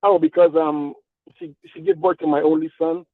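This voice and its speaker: A man from Guyana calling in to a radio show, talking fast and repeating himself. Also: fairly high pitch, wildly swooping pitch, gravelly, no echo. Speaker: caller. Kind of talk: call-in radio caller. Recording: tinny phone line.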